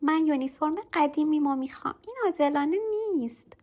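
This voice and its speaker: A woman voicing an eleven-year-old girl who protests loudly about changes, in a storybook narration. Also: high-pitched, steady tone, voice pushed up, lightly acted. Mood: protesting. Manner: loud, complaining child voice.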